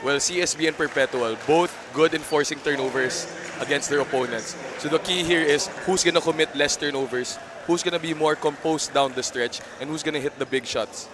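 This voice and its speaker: A man's voice: fairly high pitch, brisk. A man with a Filipino accent giving color analysis in a basketball broadcast. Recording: noisy basketball court behind.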